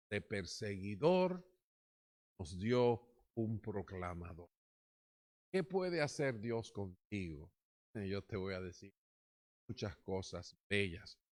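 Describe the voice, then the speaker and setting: A man's voice: lowish voice, pushed and bright. A man preaching a sermon as pastor, with fervent emphasis.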